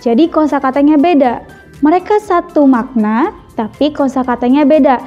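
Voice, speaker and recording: A woman English teacher from Indonesia gives a vocabulary lesson, mixing two languages and repeating words slowly for practice. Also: high voice, muffled recording, faint music behind.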